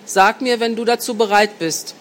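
A woman reading the part of a confident, worldly man who talks in a smooth, teasing, persuasive way, in an adult audiobook. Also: fairly high pitch, fairly even intonation, moderate pace, a bit bright, close to an everyday voice. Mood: seductive. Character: confident seductive grown man, calm and worldly.

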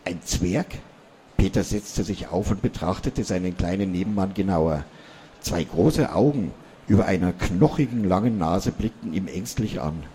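A man calmly reading a children's story aloud. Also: low voice, normal speed, slight background noise.

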